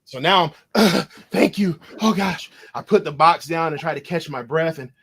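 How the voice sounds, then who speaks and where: A man guest on a podcast, telling a long anecdote in a loose, animated way and acting out the dialogue as he goes. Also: on the high side, normal speed. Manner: animated, acts out dialogue in his stories; loose phrasing with frequent restarts. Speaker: podcast guest, cybersecurity consultant. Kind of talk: conversational storytelling.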